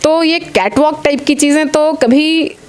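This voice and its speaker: A woman in her late forties, an athlete and former air force officer, answers interview questions earnestly as a guest. Her voice is high and unhurried, and she mixes English phrases into her speech.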